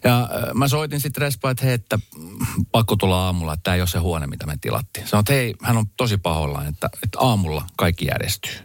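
Guy radio host spinning a yarn, lowish voice bouncing all over, dry studio mic. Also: dry recording. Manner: animated, chatty storyteller. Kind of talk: casual on-air storytelling. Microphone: studio microphone.

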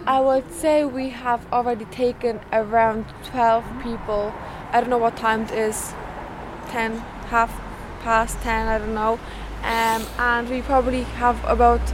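A woman's voice: fairly high pitch, noisy background. A young woman, a program assistant talking easily about her work for a documentary. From Ireland. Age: young adult. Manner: chatty, easygoing explanations. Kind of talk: documentary interview. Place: outside a busy office.

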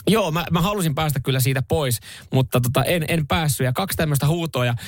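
A man's voice: a little high, dry recording. A man in his thirties co-hosting a morning radio show in a studio, rambling through stories with easy laughs. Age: 30s. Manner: chatty, rambling storyteller with laughs. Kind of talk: casual radio chat. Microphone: studio microphone.

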